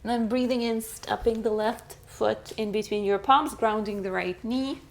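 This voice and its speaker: A young woman teaching a beginner yoga class, calmly cueing each breath and pose and encouraging the students between rounds. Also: fairly high pitch. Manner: slow, calm cueing of breath and poses. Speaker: yoga instructor. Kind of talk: guided yoga class instruction.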